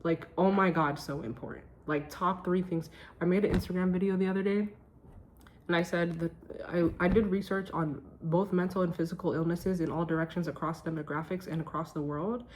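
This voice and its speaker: A woman's voice: on the low side, fairly even intonation, brisk, a little mellow, a little hiss or hum. A woman vlogging to camera at home at night, talking casually about her day and her well-being research in an emphatic, self-joking way. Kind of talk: casual chatty vlog.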